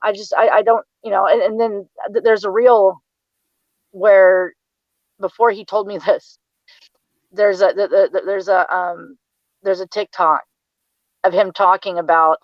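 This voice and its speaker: A woman's voice: medium pitch, flat delivery, unhurried, pauses often, no echo, highs cut off. A woman, recounting memories as an interview guest, often stumbling and repeating her words. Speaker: interview guest, mother of the subject. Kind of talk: personal recollection in an interview.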